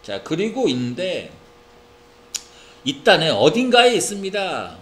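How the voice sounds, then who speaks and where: A man's voice: on the high side, unhurried. A man teaching an English reading lesson in a classroom, reading English words with a Korean accent and checking in with his students often. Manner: lively, keeps checking in with tag questions. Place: academy classroom.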